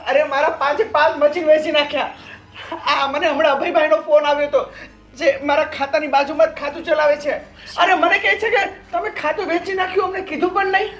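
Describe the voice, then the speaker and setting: A man's voice: very high-pitched, steady tone, a little fast, fairly bright tone. A cheated brother-in-law who complains in frustration. His voice rings out in a roomy, echoing space. Faint film music plays behind him. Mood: exasperated. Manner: exasperated, complaining. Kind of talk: family film drama.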